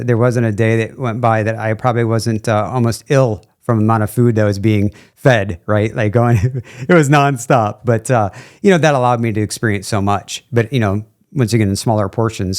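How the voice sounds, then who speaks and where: A man's voice: fairly low pitch, fairly even intonation, fairly quick, few pauses, a little mellow. A man hosting a podcast, asking questions in a friendly, rambling way full of fillers. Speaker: podcast host. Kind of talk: casual podcast interview.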